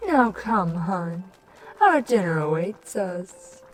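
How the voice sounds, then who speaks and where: A woman's voice: on the low side, sing-song, slow pace, heavily acted, low-quality recording. A woman voicing a lovestruck, sultry changeling villain queen who purrs romantically, in a fan fiction reading. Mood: doting, romantic. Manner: purring, romantic. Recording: music behind the voice.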